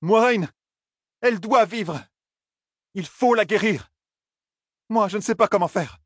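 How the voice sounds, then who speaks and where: A man's voice: medium pitch, lively intonation, moderate pace, slightly rough, no echo, clean studio sound, pitched above the performer's own voice. A man voicing a distraught young man with great power in an audiobook, strained and desperate. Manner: desperate, strained, shouting at times.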